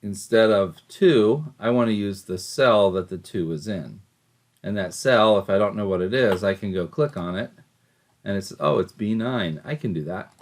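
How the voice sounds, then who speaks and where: A man giving an informal software tutorial, explaining each step as an instructor. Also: on the low side, lively intonation, moderate pace.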